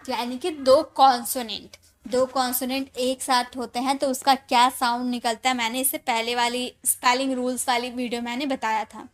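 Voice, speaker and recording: High-voiced woman teaching spelling. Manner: explains patiently, repeats each word and checks with "ठीक है?". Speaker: English teacher. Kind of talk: spelling lesson for Hindi speakers.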